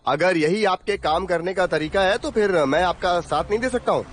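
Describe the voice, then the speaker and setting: A man's voice: high voice, normal speed, a little hiss or hum, natural voice. An actor playing a frantic young man's ghost who stammers and repeats words. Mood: defiant. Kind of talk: Hindi dub of a drama series.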